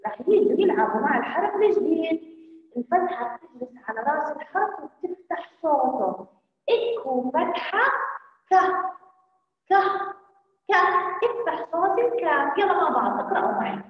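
A woman's voice: high voice, very animated, fast talker. A woman teacher with a Levantine Arabic accent leading a kindergarten phonics lesson, drawing out letter sounds in a sing-song way and praising the children. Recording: far-off, echoey, phone-like sound.

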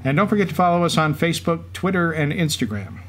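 Fast and a bit high-pitched, this natural-sounding male co-host trades light scripted banter and stories on a podcast. Background noise and room ambience come through clearly.

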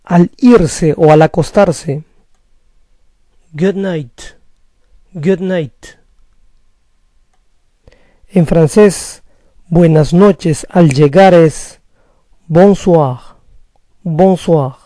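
Leading a vocabulary drill, this language teacher says each phrase two times, his slightly high voice staying mellow throughout. He speaks slowly and deliberately, recorded dry without any room echo.

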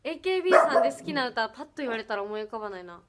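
A woman's voice: fairly high pitch, big pitch swings, rapid-fire, over a noisy crowd. A young woman hosting a casual livestream, bubbly, thanking viewers and rattling off rankings. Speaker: livestream host. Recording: loud background noise.

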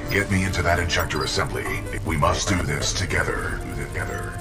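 An actor playing a calm, loyal giant combat robot with a metallic processed voice, damaged and stuttering, speaking in a measured, formal way. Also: male voice, deep voice, echoey room, loud music behind the voice. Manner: measured, formal, precise machine speech.

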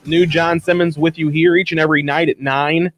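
A man's voice: fairly high pitch, flat delivery, fairly quick, fairly bright tone, faint music behind. A man hosting a radio talk show in a studio, chatting casually and joking with his guest. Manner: joking, easygoing, laughs often. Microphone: studio microphone.

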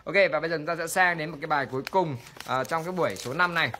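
A man teaching English pronunciation in an online lesson, explaining quickly and then reading sentences slowly with long vowels. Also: on the high side, bright, forceful tone, a little hiss or hum.

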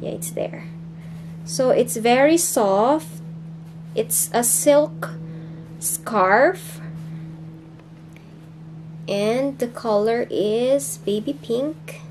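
A young Filipino woman, whose first language is Filipino, chats casually in a haul vlog from her bedroom, with a noisy background. Her fairly high voice draws out words with long pauses, and she hesitates while searching for English words.

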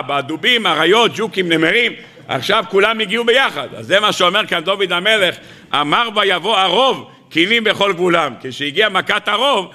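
Male rabbi, high bright voice, sermon with parables and rhetorical questions. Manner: lively storytelling with parables; asks the listeners rhetorical questions. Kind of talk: weekly Torah sermon.

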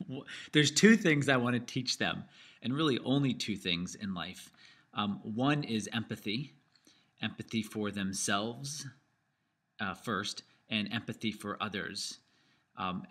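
A man in his thirties with a fairly low voice hosts a podcast in an easy, conversational way. He thinks aloud as he goes, with small fillers and restarts. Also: a bit bright. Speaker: podcast host. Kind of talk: casual podcast talk about investing.

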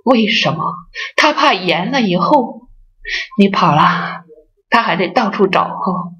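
A woman's voice: medium pitch, lively intonation, a little slow, fairly bright tone. A middle-aged woman giving a Buddhist dharma talk as an association president. She tells stories, acts out the voices she quotes and speaks straight to her listeners. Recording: dull lo-fi recording.

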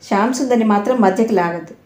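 A woman's voice: medium pitch, racing, darkish tone, roomy sound, close to an everyday voice. Woman voicing a tearful pleading young wife. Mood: defensive.

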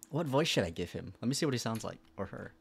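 A man streaming a game live, talking his way through it at an ordinary middle pitch. He swings between low mutters and excited outbursts. Keyboard typing can be heard behind him. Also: creaky, slightly rough. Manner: excitable, bursts into loud shouts and laughs. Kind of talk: live gameplay commentary.

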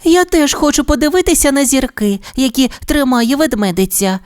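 A woman doing a tiny girl bunny in a children's storybook, voice pitched up high and squealing with wide-eyed eagerness. Every line bursts with curiosity, close and dry on the mic. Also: normal speed, dry recording, close to an everyday voice. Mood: excited.

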